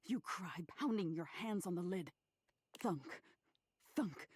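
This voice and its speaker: A woman reading scripted second-person narration for a game in a measured, suspenseful way. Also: lowish voice, a little mellow, no echo.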